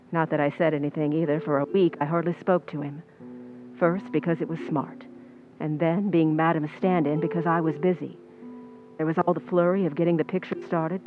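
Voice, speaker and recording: Through phone-quality sound, a woman's deep, everyday-sounding voice plays a cool, ambitious, scheming young Hollywood stand-in. She is an actress in a community playhouse's old-time radio suspense play, giving knowing, hard-boiled first-person narration.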